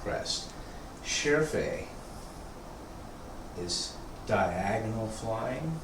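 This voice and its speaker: A man leading tai chi practice as instructor, calling serene, sparse movement cues in calm, measured short phrases. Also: lowish voice. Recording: echoey room, distant mic, background noise.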